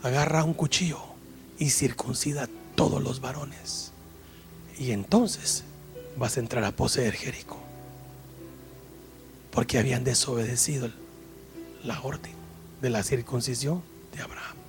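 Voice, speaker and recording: A male pastor delivering an impassioned sermon, dropping to hushed tones and rising to loud pleading. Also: mid-range voice, measured pace, creaky, pauses often, faint music behind. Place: church service.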